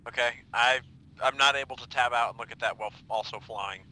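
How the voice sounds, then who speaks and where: A man's voice: mid-range voice, quick pace, bright, forceful tone, rough recording. A man acting as pilot for his team, talking in gaming voice chat over a headset mic and making dry, wry jokes.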